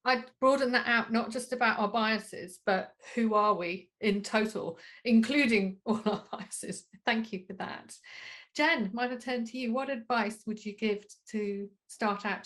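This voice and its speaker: Hosting an online conference from home over a video call, a woman politely and appreciatively thanks and introduces the speakers. Her mid-range voice is fairly even and a bit bright, and she takes her time.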